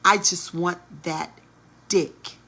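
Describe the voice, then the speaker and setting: A woman's voice: lowish voice, steady tone, slow, fairly bright tone, slightly rough, full character voice. A woman mimicking a brazen, crude woman in a taunting, mocking voice.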